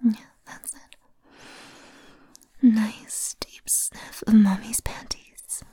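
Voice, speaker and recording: A woman speaking in a soft, breathy whisper close to the microphone, in a slow, intimate roleplay. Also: mid-range voice, flat delivery, no room sound.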